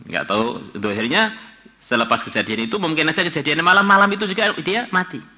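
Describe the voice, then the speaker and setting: A man's voice: on the high side, expressive, a little fast, bright, forceful tone. A man teaching a kitab study lesson. He reads Arabic phrases aloud, then explains them with emphatic rises. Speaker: Islamic religious teacher. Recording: dull lo-fi recording.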